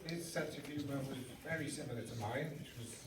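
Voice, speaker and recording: A man's voice: mid-range voice, quick pace. A man speaking as a friend at a memorial, reminiscing in a chatty, wry way with restarts. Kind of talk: informal spoken reminiscence. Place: large hall at a memorial gathering. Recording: echoey hall, far from mic, loud noise.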